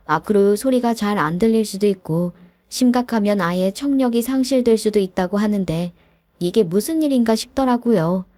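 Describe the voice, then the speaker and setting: Woman in her 30s telling her story, confiding and fed up, mellow voice, dry sound. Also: mid-range voice, dry recording. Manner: confiding, exasperated. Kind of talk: first-person story narration.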